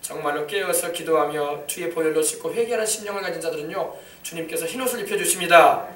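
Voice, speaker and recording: A man preaching a sermon as pastor of a church, emphatic, breaking into shouted commands. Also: fairly high pitch, fast, reverberant, recorded from a distance, slight background noise.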